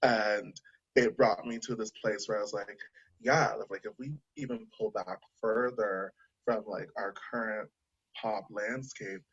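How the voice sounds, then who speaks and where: A man's voice: on the low side, measured pace, husky, highs cut off. A man hosting a conversation, asking meandering, chatty questions with fillers. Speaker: host. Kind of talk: casual interview questions.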